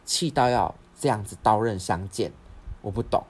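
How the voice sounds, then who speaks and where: A young man, hosting a podcast and telling a story in a rapid, rambling way with frequent restarts. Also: lowish voice, slightly rough. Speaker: podcast host. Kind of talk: casual storytelling.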